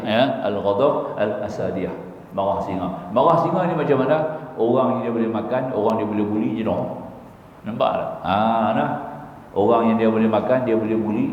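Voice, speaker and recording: A man giving a religious lecture, telling stories with humor and often asking the listeners whether they see his point. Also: on the low side. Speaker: religious teacher. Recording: echoey hall, dull lo-fi sound, faint hiss.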